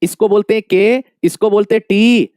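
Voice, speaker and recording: Give me a man teaching an exam-prep Hindi class, high-pitched and recorded dry and close, who drills each answer over and over. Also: moderate pace, a little mellow, clean tone, no room sound. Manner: addresses students as dear friends and brave ones, repeats questions and answers. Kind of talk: online exam-prep lesson.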